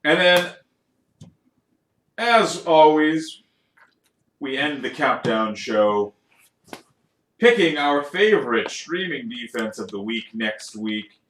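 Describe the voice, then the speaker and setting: Joking man in an echoey room. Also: mid-range voice. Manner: joking, animated, quick asides. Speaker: podcast co-host. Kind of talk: casual sports chat.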